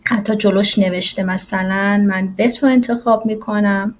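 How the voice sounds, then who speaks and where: A woman English teacher walking through a software tutorial in a casual, explanatory way, often pausing on "uh". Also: mid-range voice, fairly even intonation. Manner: casual and explanatory, with frequent "uh" fillers. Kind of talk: screen-recorded software tutorial.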